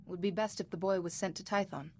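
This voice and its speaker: An actress playing a calm, compassionate female sage in a video game, speaking with gentle composure. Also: on the low side, fast talker, lightly acted.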